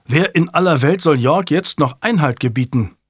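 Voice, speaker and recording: A man's voice: on the high side, expressive, moderate pace, husky, dry recording, studio quality, pitched above the performer's own voice. A man doing an earnest young nobleman. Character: young nobleman, eager and uneasy.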